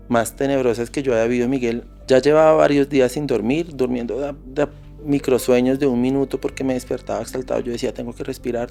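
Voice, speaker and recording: Gravelly-voiced Colombian man recounting intensely. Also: mid-range voice, a little mellow. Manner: vivid, intense retelling with frequent restarts. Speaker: interview guest. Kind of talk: personal storytelling in an interview.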